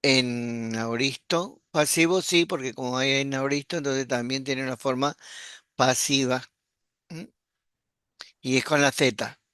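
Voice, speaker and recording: Male language teacher, smooth clear voice, unhurried online lesson. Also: medium pitch, fairly bright tone, no room sound, clean studio sound. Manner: patient, explanatory, checks in with "¿sí?". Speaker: Greek teacher. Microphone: computer mic while screen sharing.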